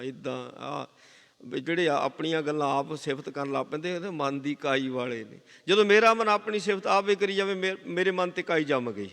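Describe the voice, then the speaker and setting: A man's voice: fairly high pitch, gravelly, fairly bright tone. A man with a Punjabi accent giving a Sikh scripture sermon, explaining verses with repeated phrases and chanted quotations. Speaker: Sikh preacher giving katha. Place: gurdwara hall. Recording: long hall reverb.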